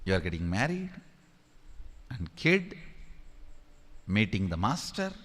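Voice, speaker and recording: A male spiritual teacher delivers a discourse at an unhurried, deliberate pace, and his pitch swings widely as he stresses points. He keeps urging the audience to listen and asks them questions. His voice carries a long reverb, as if spoken in a large hall. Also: sing-song, fairly bright tone.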